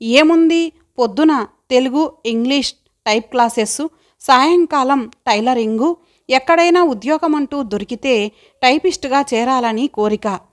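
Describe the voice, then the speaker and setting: A woman's voice: high voice, unhurried. A woman voicing an earnest young village woman who longs to study, speaking in a heartfelt, pleading way.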